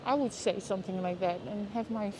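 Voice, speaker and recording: On a live walking tour through city streets, a woman speaks with a Dutch accent in a mid-range voice, fairly quickly. She is chatty, calls out to viewers by name, and reacts aloud to whatever she passes. Street noise sits behind her voice on the lapel mic she wears while walking.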